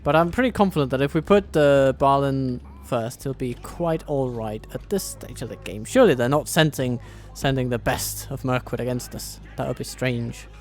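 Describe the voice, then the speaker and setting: A man's voice: mid-range voice, moderate pace, hardly any pauses, darkish tone. A man hosting his show and chatting through a strategy game, thinking aloud with self-deprecating humor. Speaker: host and strategy game player. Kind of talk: casual gameplay commentary.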